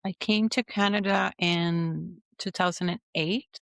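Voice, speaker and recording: A woman in her forties from Venezuela, speaking English, chatting in a lively, expressive way as a podcast guest. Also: fairly low pitch, a little slow, vocal fry, smooth, no room sound, studio quality. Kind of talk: storytelling in a podcast interview.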